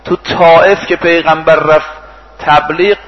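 A man's voice: on the high side, steady tone, long reverb tail, highs cut off. A male preacher giving a sermon. He retells stories, acts out the speakers' lines and recites Arabic verses. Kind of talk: sermon with storytelling.

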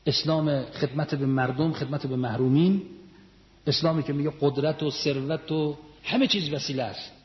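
A man's voice: fairly high pitch, steady tone. A man giving a religious sermon, telling stories and rising to emphatic peaks. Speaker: religious lecturer. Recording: muffled sound in a reverberant hall.

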